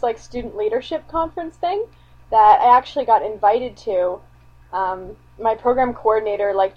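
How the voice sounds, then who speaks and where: A young woman hosts a fan podcast in a relaxed, chatty way, sprinkling her talk with "um" and "like." Her voice sits a little high, and the recording is dull and lo-fi. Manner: chatty, lots of um and like fillers. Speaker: podcast host. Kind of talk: casual chat. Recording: dull lo-fi sound.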